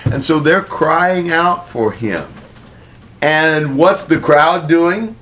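A man's voice: on the high side, lively intonation, a bit bright, slight background noise. Man leading a casual Bible study. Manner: asks the group questions, explains slowly. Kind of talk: conversational group Bible teaching.

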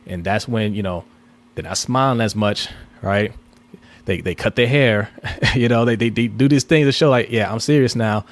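A man co-hosting a podcast, talking basketball in a relaxed, rambling way and often repeating words. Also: lowish voice, moderate pace. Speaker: podcast co-host. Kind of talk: casual sports podcast chat.

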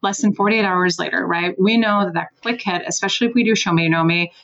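A sales consultant originally from Switzerland appears as an interview guest, offering emphatic, animated advice with some casual swearing. Her voice sits on the low side and moves fast, with the highs cut off in the recording.

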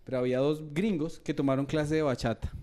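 Colombian man, co-host; slightly high voice, playful teasing banter. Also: steady tone, a little fast, darkish tone. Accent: Colombian Spanish. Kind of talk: casual interview chat.

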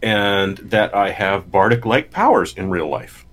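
A man's voice: fairly low pitch, animated, measured pace, a bit bright. A man co-hosting a podcast in casual chat, joking and playful. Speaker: podcast co-host.

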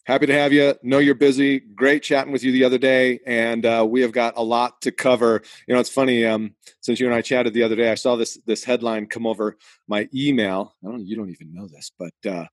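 A man's voice: medium pitch, steady tone, a little fast, dry recording. A man with a Boston accent hosting a podcast in a casual, conversational style. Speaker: podcast host.

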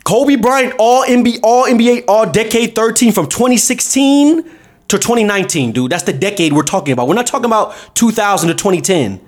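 A man hosting a podcast, talking sports in a blunt, animated casual chat. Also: sits high, brisk. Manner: animated, blunt, calls listener "dog" and "man". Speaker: podcast host.

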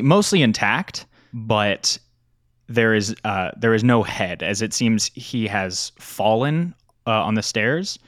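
A man narrating a tabletop game as game master, describing scenes in an unhurried way. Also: on the low side, fairly bright tone, no echo, clean studio sound.

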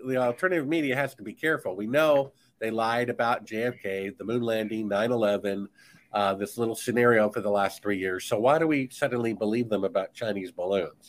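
A man's voice: fairly low pitch, fairly quick. A man speaking as a guest author in a podcast conversation, talking in an emphatic, insistent, preachy way.

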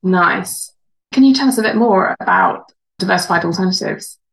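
A woman's voice: medium pitch, moderate pace. A woman co-hosting a podcast, asking a guest questions in a polite, slightly nervous way, her voice echoey over a video call. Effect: echoey remote video-call sound. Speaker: podcast co-host interviewing a guest. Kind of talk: interview questions.

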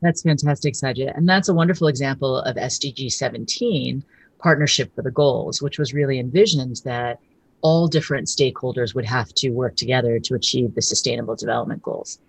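A woman's voice: a bass voice, brisk, creaky, husky, no echo. A woman hosting a podcast, reading formal introductions and asking questions. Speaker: podcast host. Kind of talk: podcast interview.

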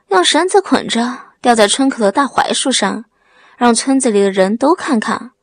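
A woman narrating a drama-filled audiobook story in a lively storytelling way. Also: a little high, no echo, clean studio sound.

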